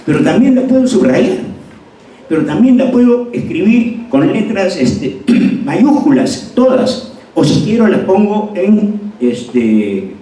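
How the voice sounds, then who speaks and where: Animated Peruvian acting teacher in echoey hall. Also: male voice, high voice, slow. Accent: Peruvian Spanish. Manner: animated, acts out words to demonstrate emphasis. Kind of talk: seminar lecture. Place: lecture hall. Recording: echoey room, voice from far off, faint noise.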